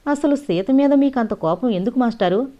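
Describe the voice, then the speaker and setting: Woman doing a calm guy trying to soothe things, muffled recording. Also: fairly high pitch, moderate pace, voice pushed up, natural voice. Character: calm man, soothing and reasonable. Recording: dull lo-fi audio.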